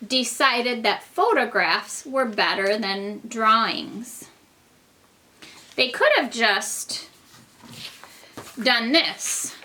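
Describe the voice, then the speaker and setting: A woman's voice: a little high, bright, forceful tone, slight background noise. A woman teaching a reading lesson to young children, explaining things simply and patiently like a kindergarten teacher talking to little ones.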